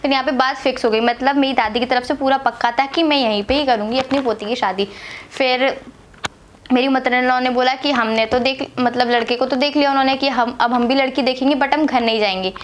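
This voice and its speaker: A woman's voice: sits high, fairly even intonation, fairly quick, slight background noise. A young woman from Agra, India, telling a personal story to camera in a chatty way, repeating herself and using many fillers. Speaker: vlogger telling her marriage story.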